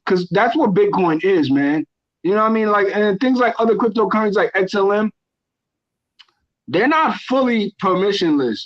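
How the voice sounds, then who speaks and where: A man from Ghana, a guest on a podcast, talking crypto in a passionate, rambling way and often correcting himself. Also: high voice. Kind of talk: casual crypto chat. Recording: dull lo-fi stream audio.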